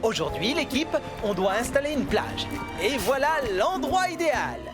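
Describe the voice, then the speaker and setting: A voice actor playing a friendly, practical builder boss in a French children's cartoon, giving clear, encouraging instructions. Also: high voice, big pitch swings, moderate pace. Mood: cheerful. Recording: music behind the voice.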